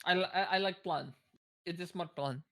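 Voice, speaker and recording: High, bright man in stammering broken English. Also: normal speed. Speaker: player. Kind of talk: in-character tabletop role-play.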